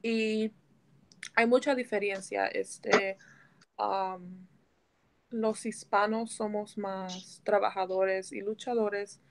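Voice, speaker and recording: Slow, hesitant young woman. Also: medium pitch, steady tone, creaky, noisy background. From United States. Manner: slow, hesitant, many fillers. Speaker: interviewee. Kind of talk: casual Spanish interview.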